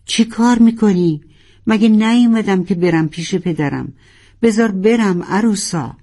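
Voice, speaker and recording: A storyteller voicing a young narwhal who desperately shouts and pleads for its father. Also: medium pitch, natural voice. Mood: distraught. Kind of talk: storybook character voice.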